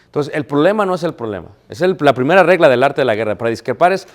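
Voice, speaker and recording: A man's voice: fairly high pitch, lively intonation, very fast. A man preaches a sermon to his congregation, telling stories with quoted dialogue and asking rhetorical questions.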